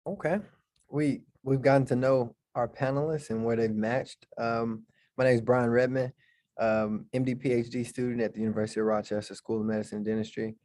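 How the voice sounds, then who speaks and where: A man hosting an online panel, relaxed and joking as he moderates. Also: mid-range voice, a little fast, no room sound. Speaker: host.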